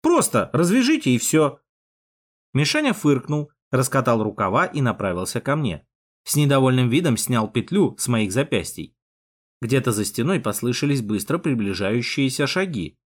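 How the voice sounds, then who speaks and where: A man narrating a first-person audiobook in an expressive storytelling manner. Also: mid-range voice, normal speed.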